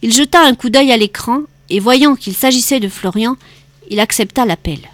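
A woman reading a novel aloud in a steady, measured narrating voice. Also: fairly high pitch, dry recording. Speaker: audiobook reader.

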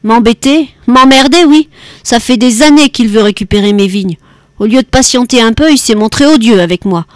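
A woman voicing a cantankerous 88-year-old male winegrower who is gruff but kind at heart, blustering and lecturing in an audiobook. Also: moderate pace, dry recording, natural voice. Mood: indignant. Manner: blustering, lecturing, louder and higher than narration. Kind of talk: audiobook character voice.

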